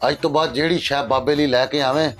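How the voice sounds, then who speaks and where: A man's voice: mid-range voice, steady tone, quick pace, over music, pitched below the performer's own voice, natural voice. A man playing a pompous fake holy man in a comedy sketch, with a Pakistani Punjabi accent and mock-mystic chanting.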